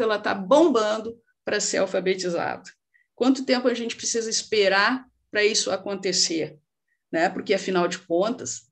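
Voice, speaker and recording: A middle-aged woman with a Brazilian accent giving an informal lecture on literacy, with many fillers and rhetorical questions. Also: mid-range voice. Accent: Brazilian Portuguese. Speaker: lecturer on literacy and child development.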